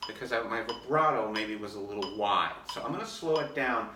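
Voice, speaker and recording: A man's voice: on the low side, lively intonation, a little fast, noisy background. Man explaining practice methods in an echoey room. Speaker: orchestra concertmaster. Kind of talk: casual practice demonstration. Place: practice room, filmed on a phone. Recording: echoey room, mic at a distance.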